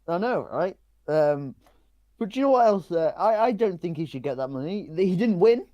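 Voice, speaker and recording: A man trading casual banter on a podcast, giggling and tripping over his own restarts. His pitch swings up and down a lot, and his tone is soft and mellow. The sound is close and dry. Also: lively intonation, normal speed, no room sound, lo-fi sound. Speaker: podcast co-host.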